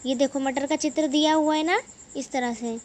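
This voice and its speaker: A woman teaching young children English, slowly spelling out each word letter by letter and explaining it. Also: high voice, steady tone, a little mellow. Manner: slow, spells words letter by letter.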